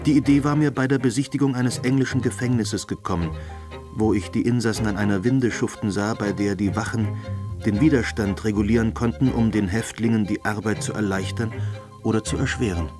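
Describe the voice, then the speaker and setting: A man's voice: fairly low pitch, brisk, over music, natural voice. An actor playing a reflective engineer, narrating his story in the first person in a German audio drama. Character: reflective male engineer recounting his past.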